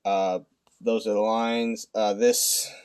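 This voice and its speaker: A young man speaking quietly at night in a hushed tone, giving a casual, unscripted card deck profile in a halting, self-deprecating way. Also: fairly low pitch, little pitch movement, clear, resonant tone. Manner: halting, self-deprecating, stumbling over words. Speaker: amateur video creator presenting a card deck. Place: at home at night.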